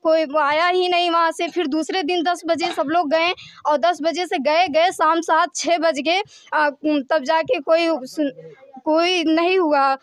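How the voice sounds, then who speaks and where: A woman's voice: very high voice, steady tone, a little slow. A woman, the sister of a victim, giving a long account of an attack to a reporter. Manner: long breathless account, quoting threats.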